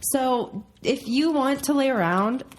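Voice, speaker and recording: A woman's voice: high-pitched, lively intonation, takes it slowly. A woman in her thirties co-hosting a casual relationship podcast from home, chatty and rambling with frequent ums. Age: 30s. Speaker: podcast co-host.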